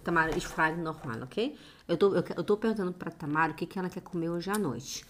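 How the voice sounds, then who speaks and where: A Brazilian woman, likely in her thirties, who is a mother giving a casual family language lesson with slow emphatic repetition and frequent laughter. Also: lowish voice, slight background noise. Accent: Brazilian Portuguese.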